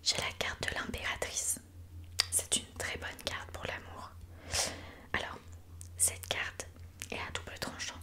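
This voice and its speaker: A slow, soothing whisper carries this ASMR roleplay, where a woman portrays a mystical fortune teller who calls her listeners darling. The performance is only lightly acted.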